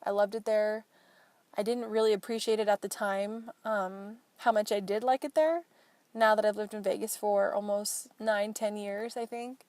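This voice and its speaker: A young woman talks alone in her car, frank and fed up, swearing as she vents. Her voice sits at an ordinary middle pitch. The sound is dry and close, with no room around it. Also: fairly even intonation, moderate pace, a little mellow, dry recording. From Portland, Oregon. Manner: frank, exasperated storytelling with swearing. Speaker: podcast host. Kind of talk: casual solo chat. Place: inside a parked car.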